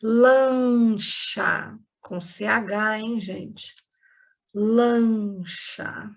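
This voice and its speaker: Slow, gravelly-voiced Brazilian woman teacher. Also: a little high. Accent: Brazilian Portuguese. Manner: slow, patient dictation with many checks like "ok?". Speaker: primary school teacher. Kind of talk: recorded online class for children.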